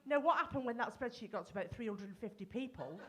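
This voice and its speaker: A woman's voice: a little high, expressive, fast, background noise. A middle-aged woman from North West England, performing a bawdy, self-mocking stand-up comedy set at a live gig.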